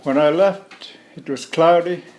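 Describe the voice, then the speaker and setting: A middle-aged man from Alaska, a native Yupik speaker, answering interview questions in a plain, measured way. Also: on the high side, darkish tone. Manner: slow, plain-spoken, measured. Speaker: interview guest. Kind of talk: relaxed conversational interview.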